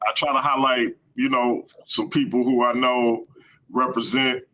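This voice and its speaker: A man hosting a live stream, talking casually in slangy, energetic bursts. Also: medium pitch, measured pace, low-quality recording.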